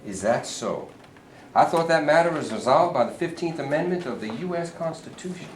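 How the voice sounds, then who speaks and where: Here the governor is voiced by a man whose pitch sits a little high, delivered animatedly and a bit fast with light acting. The staged-reading character is sly and smooth-talking, dodging questions and condescending to visitors with mock geniality, captured by a distant mic in an echoey room with faint hiss.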